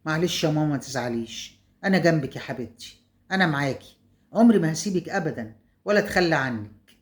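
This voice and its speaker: A woman voicing a tender teenage boy consoling his mother, soft-spoken, with an Egyptian accent. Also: low voice, expressive, quick pace. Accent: Egyptian Arabic.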